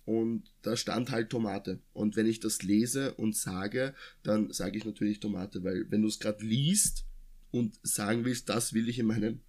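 A man's voice: on the low side, steady tone, unhurried, a little mellow. A young man in his twenties from near Vienna with an Austrian accent, chatting casually and rambling with many restarts. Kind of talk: casual chat.

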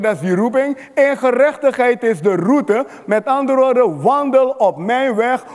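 A man preaches with rising fervor, calling out to the congregation for amens. His voice sits very high. The sound carries a long reverb, as in a large hall. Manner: fervent, rises to shouting at climaxes. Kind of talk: sermon.

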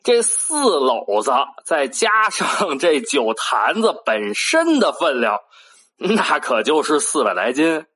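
A storyteller with a Beijing accent telling an old folk tale in a lively way, with playful asides and spoken sound effects. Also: medium pitch, takes it slowly, breathy edge.

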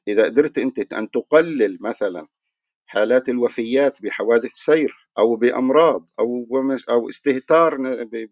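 A man's voice: mid-range voice, creaky, no echo, dull audio. A man giving a religious lecture, explaining his point through rhetorical questions that he answers himself. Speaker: religious speaker.

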